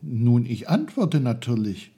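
A man voicing an eager, curious young boy in a storybook reading, excited and full of questions. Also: mid-range voice, unhurried, husky, exaggerated voice. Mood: unsure.

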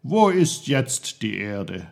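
A man voicing a kindly, wise tiny magical man who gently instructs a child, in a husky, slow storybook reading. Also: medium pitch, very animated, exaggerated voice. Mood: gentle.

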